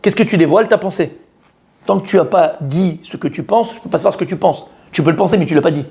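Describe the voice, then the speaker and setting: A man's voice: high-pitched, fast talker, gravelly, darkish tone. A man, a rabbi, giving an informal Torah lesson to a live group, talking straight to his listeners and repeating key words with many fillers. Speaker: rabbi teaching a Torah class.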